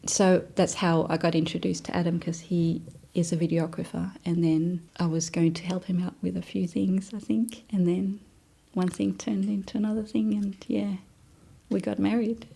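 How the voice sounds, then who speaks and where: A woman from Denmark, a non-native English speaker, telling her story in a relaxed, soft-spoken interview with frequent fillers. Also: lowish voice, moderate pace, gravelly, husky. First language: Danish.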